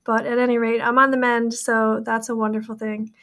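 A middle-aged woman with a raspy, hoarse voice from a cold, hosting a podcast and chatting in a rambling way. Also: a little high, flat delivery, brisk, fairly bright tone. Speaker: podcast host and psychiatry professional. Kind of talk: podcast intro and interview chat.

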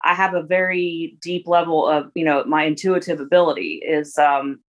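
A woman's voice: sits low, steady tone, moderate pace, dull audio. A woman in her forties, a guest in a casual interview, talking in a rambling way with many restarts and fillers. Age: 40s.

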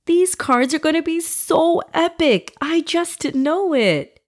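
Eager young boy for children's storybook audio, played by a woman. High, lively, exclamatory, hopeful. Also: slow pace, exaggerated voice. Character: excitable, hopeful little first-grade boy.

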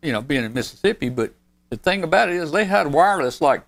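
A man's voice: a little high, quick pace, vocal fry. A man, enthusiastically telling stories in a casual group chat as host. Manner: excitable, enthusiastic storyteller.

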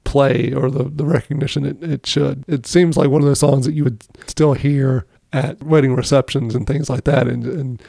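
Gravelly-voiced man, dry close sound. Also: mid-range voice, fairly even intonation, moderate pace, hardly any pauses, warm tone, dry recording. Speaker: podcast co-host. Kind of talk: casual music chat.

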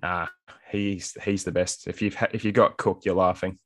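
Aussie male sports panellist, lowish pitch, dry sound, casual analysis. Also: little pitch movement, moderate pace, fairly bright tone, no echo. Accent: Australian. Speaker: fantasy rugby league panellist.

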